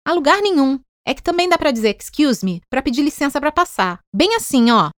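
A woman with a Brazilian Portuguese accent explains language points on a scripted podcast in a friendly, teasing tone. Her somewhat high voice moves through a wide, expressive melody. The close recording is dry. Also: a little fast, no echo. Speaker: podcast host and English teacher. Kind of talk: scripted educational podcast dialogue.

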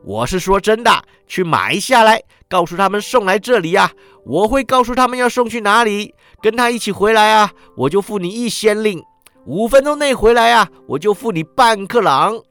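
A man's voice: high-pitched, lively intonation, moderate pace, fairly bright tone, no room sound, faint music behind, pitched above the performer's own voice. A man voicing a giddy, reformed old miser who exclaims breathlessly with delight in a storybook reading.

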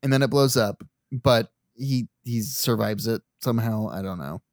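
A man's voice: medium pitch, moderate pace, no room sound, clean studio sound. A man co-hosting a casual podcast chat, easygoing, recapping the plot and laughing along. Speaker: podcast co-host.

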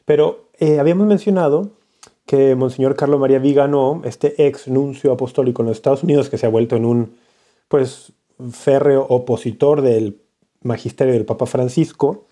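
A man's voice: medium pitch, moderate pace, warm tone. A man co-hosting a casual podcast, explaining points patiently and teasing his co-host playfully.

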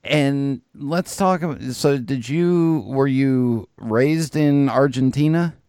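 A man from the southern United States hosts a podcast, joking, laughing often and poking fun at himself as he chats casually with guests. His medium-pitched, darkish voice is smooth and slow. The recording is dry with clean studio sound.

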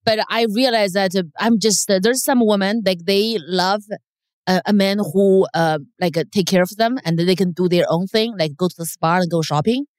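A Chinese woman in her thirties with a Chinese accent is a comedian guest on a podcast, chatting casually and frankly with many hesitations. Her voice is medium-pitched and darkish, at a normal speed, recorded with no room sound.

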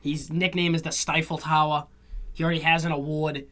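A young man with a high, light voice makes his case in a casual sports chat. He talks emphatically and leans on slang. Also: fairly quick. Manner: animated, emphatic slang, "bro". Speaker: podcast co-host.

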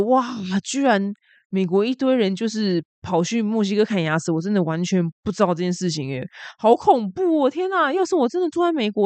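A woman's voice: mid-range voice, no echo. A woman from Taiwan with a Taiwanese Mandarin accent, hosting a casual news commentary podcast in a chatty, exclamatory way, dropping in English words. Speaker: podcast host.

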